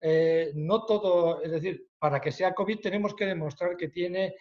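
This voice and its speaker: A man's voice: sits high, darkish tone, dull audio. A man with a Spanish accent answering questions as a medical expert in a webinar, with many hesitations. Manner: hesitant, many fillers, then quick explanations.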